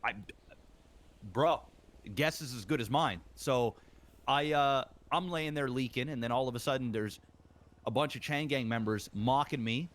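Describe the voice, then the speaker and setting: Brief: man in roleplay, mid pitch, rambling storyteller with frequent fillers, quotes others. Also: normal speed, fairly bright tone. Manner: rambling retelling, full of ums and uhs, acts out quoted lines. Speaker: roleplay gang member.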